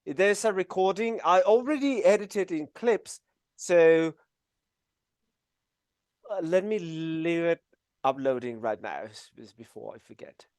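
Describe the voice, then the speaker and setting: A man from Mexico, a native Spanish speaker with a Mexican accent, teaches a live online animation class in a chatty way, with many fillers and laughs. His voice is a little high with lively intonation and a darkish tone, speaking a little slowly with long pauses. The recording is studio quality, with no echo.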